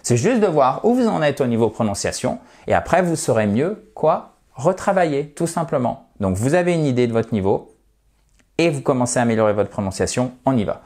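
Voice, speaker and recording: A man's voice: mid-range voice, big pitch swings, brisk, darkish tone. Male teacher, casual online lesson, chatty, reassuring, friendly asides. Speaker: English teacher.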